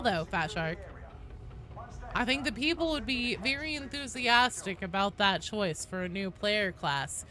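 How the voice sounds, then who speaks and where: This video game streamer has a medium-pitched, bright, forceful voice. During her casual live stream she chats playfully with viewers, teases them with jokey banter and lets out sudden exclamations.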